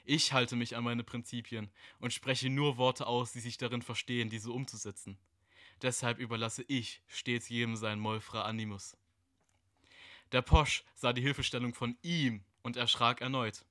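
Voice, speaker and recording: Podcast guy reading his dark story slow and solemn, crisp dry sound. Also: medium pitch, steady tone, no room sound. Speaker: podcast co-host. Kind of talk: dramatic story reading, then casual chat.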